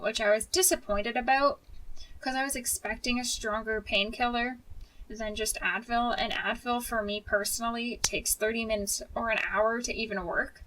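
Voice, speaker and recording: A woman's voice: a little high, fairly bright tone, recorded from a distance, a little hiss or hum, low-quality recording. A woman telling a personal story as a video creator in a casual vlog style, candid and informal with a mildly wry touch.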